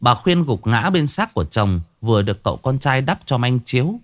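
A man narrating a ghost story as a storyteller, telling it in a dramatic, expressive way. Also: medium pitch, a little fast.

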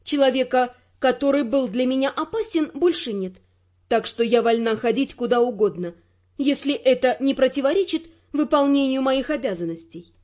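A woman's voice: high-pitched, moderate pace, muffled recording, natural voice. Woman as prickly young female spy. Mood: offhand. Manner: sharp, irritated retorts.

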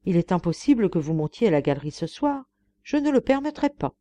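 A woman reader voicing a grand, generous stage tragedienne who talks briskly and commandingly in an audiobook. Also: fairly low pitch, sing-song, mellow, no room sound.

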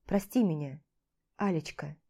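A woman voicing a young man who gently coaxes and soothes his partner in a warm, mellow voice. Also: sits low, a little slow, pitched below the performer's own voice. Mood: tender coaxing. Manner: tender, coaxing.

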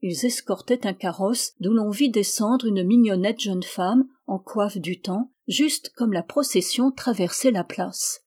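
Female audiobook narrator, mellow and warm in tone, measured literary reading. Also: mid-range voice, husky. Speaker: audiobook reader. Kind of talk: scripted narration.

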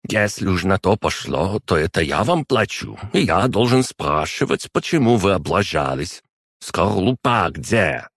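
A man's voice: low voice, very animated, measured pace, fairly bright tone, slightly rough, no room sound, clean studio sound, pitched above the performer's own voice, exaggerated voice. A man voicing a stern, contemptuous old male alchemist in an audiobook, cold and scornful in manner. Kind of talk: audiobook character voice.

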